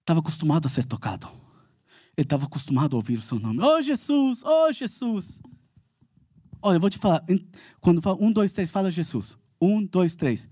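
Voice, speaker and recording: Brazilian male pastor, high tenor, dry close sound, emphatic repeated calls, sermon delivery. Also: fast, warm tone, breathy edge, dry recording. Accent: Brazilian Portuguese. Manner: emphatic, repetitive, rising to fervent calls with frequent "amen?". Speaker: preacher.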